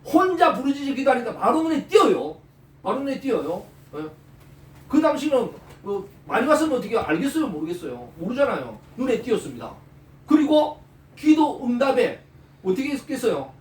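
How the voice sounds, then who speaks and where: Male pastor preaching, high voice, lively swings, rhetorical questions, roomy space, distant mic. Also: fairly quick. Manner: animated, peppers talk with rhetorical questions and "eh?" prompts. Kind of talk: sermon.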